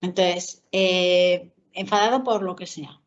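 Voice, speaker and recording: A woman with a Spanish accent from Spain, a teacher and mother, moderates a webinar and works through a question aloud with several restarts. Her voice is lowish, steady, and slow, and the video-call audio sounds dull.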